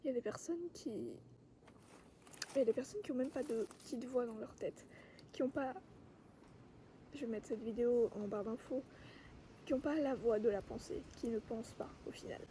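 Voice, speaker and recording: A woman vlogger giving a calm, reflective monologue outdoors among trees, sometimes dropping to a whisper. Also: a little high, moderate pace, long pauses, a little hiss or hum. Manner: calm, soft-spoken, sometimes drops to a whisper.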